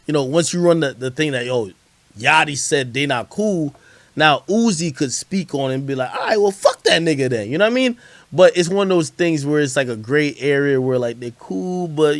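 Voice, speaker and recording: On a stream with no echo, a man with a fairly high voice answers viewer questions about hip-hop. His talk is casual and profane, full of loose slang and repeated phrases.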